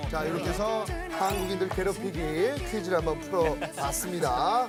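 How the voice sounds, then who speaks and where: A man's voice: sits high, moderate pace. A man hosting a quiz as a teacher on a variety show, playful and teasing. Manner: lively, teasing, animated. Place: TV studio classroom set. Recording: loud background music on a TV set.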